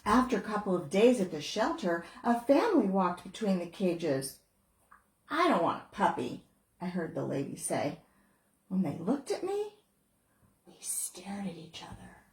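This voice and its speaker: A woman who is a children's book author, reading her picture book aloud in a playful, expressive way. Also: medium pitch, moderate pace. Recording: roomy echo.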